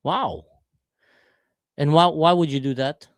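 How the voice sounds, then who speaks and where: On a desk camera mic with no echo, an Israeli man in his forties asks strangers lots of questions in a casual livestream chat. His voice sits on the high side and he speaks slowly.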